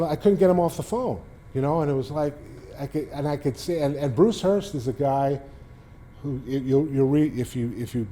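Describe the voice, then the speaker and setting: Speaking to a library audience, a Boston-accented man in his sixties, formerly a sports beat writer, tells rambling anecdotes and restarts often. His voice is medium-pitched and dark, with slight background noise.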